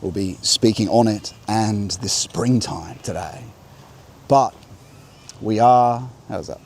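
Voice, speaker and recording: A man hosting a reflective spiritual vlog, speaking slowly and meditatively with soft laughs while outdoors in a coastal national park. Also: fairly low pitch, vocal fry, a little hiss or hum. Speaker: host. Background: crickets and insects.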